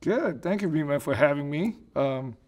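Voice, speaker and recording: A man's voice: a little high, expressive, unhurried, darkish tone. A man in his forties from South Korea, a business owner recalling his life as a guest in an interview, talking thoughtfully with lots of "you know" and "like". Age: 40s. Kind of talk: casual interview. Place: living room set.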